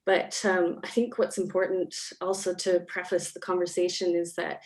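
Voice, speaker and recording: A Canadian arts researcher, speaking as a panelist over a video call from a home or office in Melbourne, gives thoughtful panel remarks full of fillers. Her lowish voice is level in tone, a little mellow, and moves at a moderate pace.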